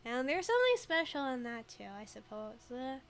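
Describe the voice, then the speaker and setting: Very animated and high-pitched at a moderate pace, a woman giggles and rambles as she streams a game. Mandarin is her native language, but she moved to the United States very young, leaving her American accent only very slightly tinged.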